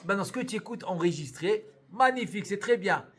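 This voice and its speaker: A man teaching a live Torah lesson as a rabbi, animated, repeating key words and answering his own questions. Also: high-pitched, fast talker, slightly rough.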